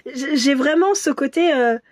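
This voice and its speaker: A woman doing a casual tarot reading for viewers, musing and hesitant, with many restarts and soft asides. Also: high-pitched, measured pace. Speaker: tarot reader.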